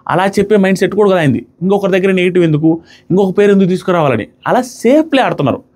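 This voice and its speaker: A man giving a casual, animated review of a reality show, mixing English words into his talk. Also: high-pitched, very fast. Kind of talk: casual commentary.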